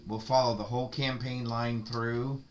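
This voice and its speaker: A man's voice: mid-range voice, little pitch movement, normal speed, a little hiss or hum. A man chatting casually and at length, easygoing and a little rambling. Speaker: streamer's partner. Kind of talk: casual chat.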